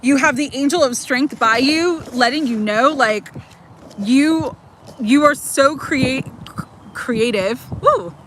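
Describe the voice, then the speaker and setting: Speaking slowly in a high-pitched voice, this woman in her forties hosts a livestream of oracle card readings. She's warm, giggly and encouraging, laughing frequently between lines, and her livestream mic carries a little hiss or hum.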